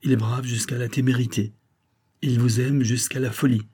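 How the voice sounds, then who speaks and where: A man voicing an earnest young cavalry officer who confides in a low, urgent way. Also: fairly even intonation, normal speed, warm tone, slightly rough, close to an everyday voice.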